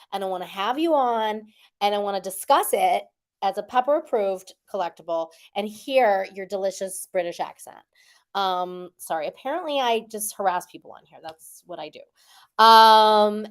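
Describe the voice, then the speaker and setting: A middle-aged woman hosting a weekly livestream, chatting casually with viewers in a rambling, playful way full of fillers. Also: a little high.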